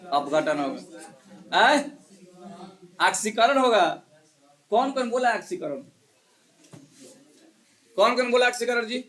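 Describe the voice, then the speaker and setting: A male chemistry teacher in a live class, quizzing students one by one and hushing the noisy ones. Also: a little high. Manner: quizzes students one by one, scolds and hushes them. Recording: echoey classroom.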